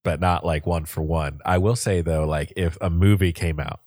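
A young man chats casually on a podcast, his very low voice wandering through stories with plenty of fillers and laughs. The sound is dry and close. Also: steady tone, moderate pace, a little mellow, dry recording. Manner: rambling, laughs often, many fillers. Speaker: podcast host. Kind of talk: casual chat.

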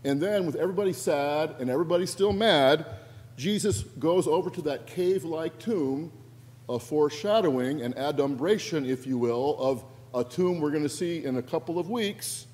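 A male pastor delivers a sermon with a fairly high voice, shifting between hushed reflection and lively storytelling. His words ring out in a church sanctuary with a long reverb tail. He acts out quoted lines with playful energy. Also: moderate pace.

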